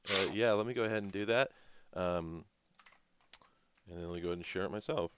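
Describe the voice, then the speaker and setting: A man's voice: low-pitched, brisk, a bit bright, slight background noise. A man in his thirties co-hosting a casual livestream chat, rambling and joking with a ready laugh. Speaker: livestream co-host.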